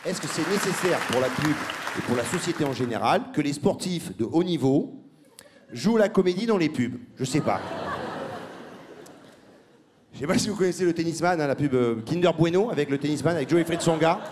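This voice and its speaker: A man doing a stand-up style comic monologue, mocking and laughing, breaking into squeaky put-on voices. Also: expressive, brisk, crowd noise, background noise. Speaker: stand-up comedian.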